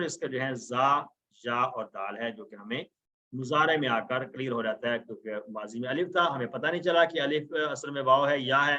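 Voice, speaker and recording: A man teaching a recorded Arabic grammar lesson, chanting verb forms slowly and then explaining them. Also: mid-range voice, bright, forceful tone, muffled recording.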